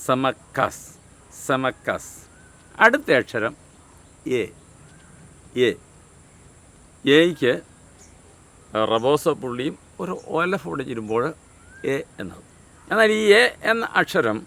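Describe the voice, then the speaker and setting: A man teaching a language class, saying letter names slowly and repeating them over and over. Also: medium pitch, pushed and bright. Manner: slow, drawn-out letter names recited over and over. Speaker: Syriac teacher. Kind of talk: language lesson.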